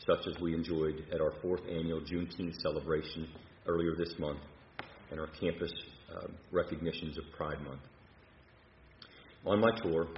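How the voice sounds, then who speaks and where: A man, a university leader, delivering a measured prepared speech with occasional fillers and restarts, from a podium in a large hall. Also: extremely low pitch, a little hiss or hum. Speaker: university president. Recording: roomy, dull hall recording.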